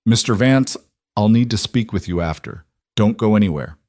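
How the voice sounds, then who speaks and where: A man voicing a calm, authoritative female detective in a read-aloud story, lowish and dry. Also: moderate pace, no room sound, close to an everyday voice. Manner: calm, firm.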